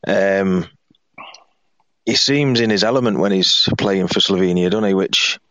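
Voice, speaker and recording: A man with a hoarse, croaky frog-in-the-throat voice, hosting a casual sports podcast. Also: low voice, measured pace, a bit bright, no echo, low-quality recording. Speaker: podcast host.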